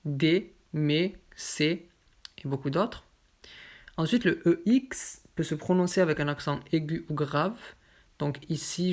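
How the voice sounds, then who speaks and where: A woman teaching pronunciation, saying example words slowly and repeating them carefully. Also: sits low. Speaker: French teacher. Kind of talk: pronunciation lesson.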